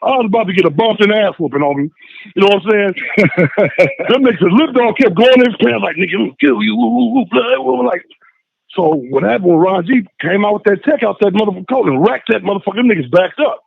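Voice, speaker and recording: A man phones in to tell a long story in loose, casual talk, slipping into the voices of the people he describes. His voice sits high and carries a gravelly rasp. It comes through a thin, dry phone line. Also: fast talker, dry recording. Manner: animated, acts out voices in his stories. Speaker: phone-in guest.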